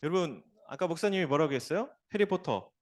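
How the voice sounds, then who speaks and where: A man giving a children's sermon as pastor, telling a Bible story in a lively way and asking the children questions. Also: fairly high pitch, fast.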